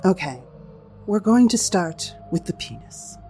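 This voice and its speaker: Low-voiced, wry woman host with animated delivery. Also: unhurried, soft background music. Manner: wry, teasing, theatrical asides to listeners. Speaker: host of a sex-topic show. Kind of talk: humorous solo talk show commentary.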